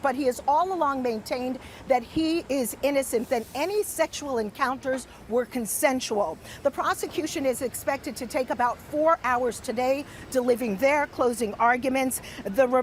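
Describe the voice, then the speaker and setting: High-voiced American woman reporting live. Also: a little hiss or hum. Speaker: TV news reporter. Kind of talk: live news report, measured delivery.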